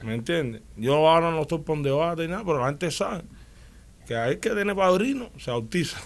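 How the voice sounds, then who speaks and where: A man's voice: on the high side, animated, brisk. A man with a Cuban Spanish accent, a guest in a casual interview, telling his story animatedly with many restarts and tag questions.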